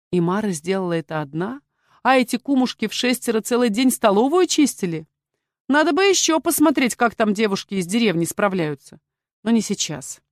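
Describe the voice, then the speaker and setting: A woman narrating a first-person novel in a lively, expressive way. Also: medium pitch, dry recording, clean studio sound.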